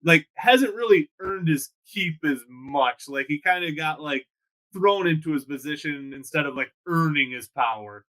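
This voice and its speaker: A man's voice: a little high, expressive, moderate pace, a bit bright, low-quality recording. A man co-hosting a podcast in casual chat, leaning on fillers like "you know what I mean.".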